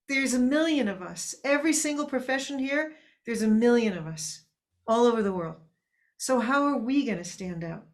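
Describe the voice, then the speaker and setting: A woman hosting an online meeting in a casual, chatty way. She laughs often and keeps asking the others to speak. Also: on the high side. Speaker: meeting host. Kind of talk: casual video call talk. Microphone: video call.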